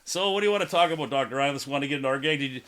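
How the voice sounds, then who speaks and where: A man's voice: mid-range voice, rapid-fire, fairly bright tone, no room sound. A man hosting a casual podcast, talking in a rowdy, irreverent, rambling and profane way. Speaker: podcast host.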